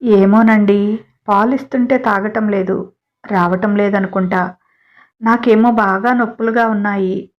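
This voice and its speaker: A woman's voice: mid-range voice, steady tone, a little slow, pauses often, lightly acted. A worn-out young new mother speaks weakly and close to tears in a storybook reading, voiced by a woman. The lo-fi recording sounds dull. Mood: weary. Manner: weak, tired voice. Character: weary, tearful young woman who has just given birth.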